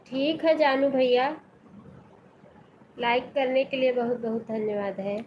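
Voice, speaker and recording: A woman with a Hindi accent from the Awadhi region hosts a live stream, talking casually to viewers and reading their comments aloud. Her voice sits fairly high, and she greets each viewer by name. A faint hiss runs under her phone recording. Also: unhurried, dull audio. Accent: Hindi with Awadhi region background.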